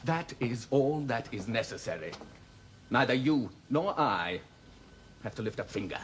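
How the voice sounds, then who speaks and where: A man's voice: medium pitch, lively intonation, a little slow, close to an everyday voice. Guy doing a menacing scheming heir, voice rises and drops a lot, slightly noisy old film audio. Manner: menacing, contemptuous, sharp outbursts. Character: scheming, cold-blooded heir plotting murder. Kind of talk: 1950s film drama acting.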